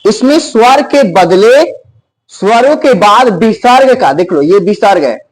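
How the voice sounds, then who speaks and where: Man, high-pitched, teacher, exam-prep grammar lesson, slow repetition of terms, quizzing students. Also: lively intonation, rough recording. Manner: repeats each term slowly and quizzes the students.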